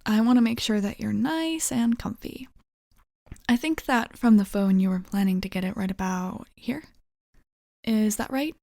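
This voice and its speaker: A woman playing a flirty, reassuring tattoo artist in a soft, casual ASMR role-play, slightly bashful and gently teasing. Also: mid-range voice, gravelly, dry recording, clean studio sound, lightly acted.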